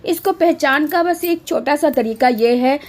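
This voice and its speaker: Woman teacher, high voice, unhurried, patient grammar lesson, reads examples slowly. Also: a little mellow. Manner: patient, explanatory, checks understanding with tag questions. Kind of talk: classroom-style grammar lesson.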